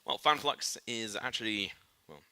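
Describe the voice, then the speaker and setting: A man's voice: mid-range voice, moderate pace, sharp tone, clear, resonant tone, dry recording. A man hosting a casual esports podcast in a studio, chatty and upbeat, with plenty of "uh"s and restarts. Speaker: podcast host.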